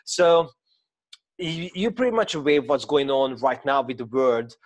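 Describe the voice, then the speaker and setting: A man's voice: medium pitch, moderate pace. A man in his thirties from Hungary with a Hungarian accent, explaining mindset ideas in an informal talk while sharing his screen, hesitant with many fillers and restarts. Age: 30s. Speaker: mindset coach.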